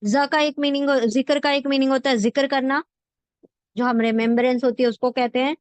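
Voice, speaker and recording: A woman's voice: high-pitched, steady tone, clean tone, no room sound. A woman teaching word-by-word translation of scripture, explaining patiently and repeating each word and its meaning for her students. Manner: slow, repeats words and meanings for drilling. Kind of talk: patient classroom explanation with repetition.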